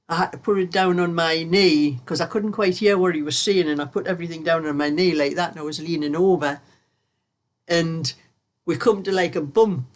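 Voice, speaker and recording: An older woman hosts her own vlog, chatting casually while she knits, rambling through stories and laughing often. Her voice is low-pitched and croaky from a cold.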